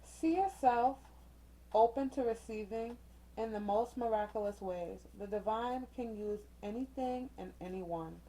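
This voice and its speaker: A woman's voice: a little high, measured pace, warm tone, poor audio. A woman doing a casual oracle card reading, chatty and encouraging, speaking straight to her viewers with slang and frequent "okay?" check-ins. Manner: chatty and encouraging, uses slang and mild cussing substitutes. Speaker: tarot reader. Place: indoors with a ring light.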